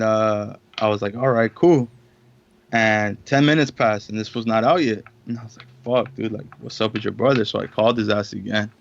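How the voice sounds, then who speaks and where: A man's voice: medium pitch, gravelly, no room sound, dull audio. A young man, a podcast co-host, telling a story in casual, profane slang and acting out the quotes. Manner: slangy, swears a lot, acts out quotes.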